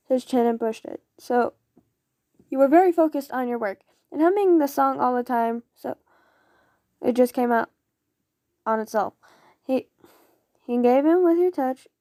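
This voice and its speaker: A woman's voice: sits high, mellow, no echo, studio quality. A woman casually reading fan fiction aloud, often stumbling over words and apologizing. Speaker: audio story reader.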